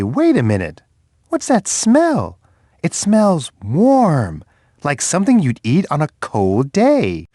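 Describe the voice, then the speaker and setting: Bear, a wildly expressive friendly bear. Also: male voice, on the high side, no room sound, clean studio sound, exaggerated voice. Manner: expressive, sing-song, speaking to young children. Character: big friendly male bear, gentle, curious, childlike wonder. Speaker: children's game character. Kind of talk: children's edutainment game voice lines.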